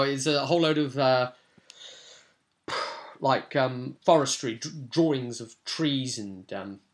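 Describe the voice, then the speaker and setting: A British man, acting as game master, offers casual, unscripted commentary on a tabletop role-playing session. His medium-pitched voice rambles along in a colloquial way.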